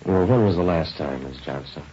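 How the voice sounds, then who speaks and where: An actor playing a deadpan, clipped police sergeant who narrates and questions in a vintage radio drama, courteous and matter-of-fact. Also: male voice, very deep voice, moderate pace, a little hiss or hum. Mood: businesslike questioning. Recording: dull, band-limited vintage radio recording.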